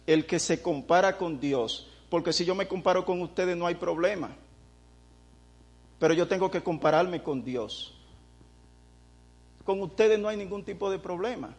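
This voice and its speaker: This high-pitched male preacher's sermon is fervent, rising into loud prayers as he puts rhetorical questions to his congregation.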